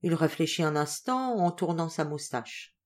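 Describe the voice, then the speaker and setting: A woman's voice: sits low, animated, normal speed. Woman reading a classic story aloud. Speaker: audiobook reader. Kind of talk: scripted narration.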